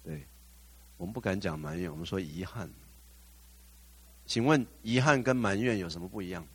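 A man's voice: low-pitched, lively intonation, normal speed, breathy edge. A male pastor preaching a sermon, putting questions to the congregation, slipping in English phrases and rising to fervent exclamations.

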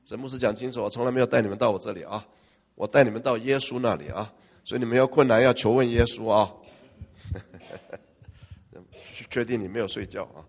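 Male pastor, mid-pitched, lively and joking, quizzing the congregation, long hall reverb. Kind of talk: preaching a sermon.

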